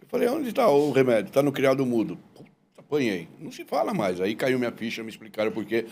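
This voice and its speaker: Quick, joking man hosting a chat. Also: mid-range voice, wildly swooping pitch, gravelly, darkish tone, slight background noise. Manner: quick interjections, joking asides. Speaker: host. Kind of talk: casual interview conversation.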